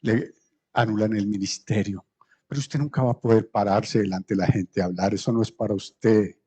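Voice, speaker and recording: A male pastor preaching a sermon, acting out the voices of the people he quotes with big swings in pitch. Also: steady tone, normal speed, dark tone, breathy edge. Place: church.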